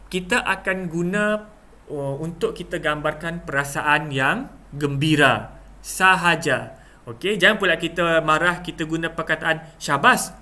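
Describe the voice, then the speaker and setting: A man's voice: fairly high pitch, sharp tone. A young man with a Malaysian Malay accent teaching a lesson, acting out examples with exaggerated intonation and many fillers. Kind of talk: classroom lesson explanation.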